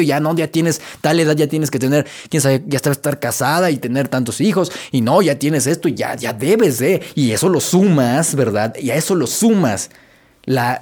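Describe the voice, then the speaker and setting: A man hosting a podcast, giving an earnest motivational self-help monologue with emphatic, drawn-out stresses on key words. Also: on the high side, a little mellow. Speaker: podcast host.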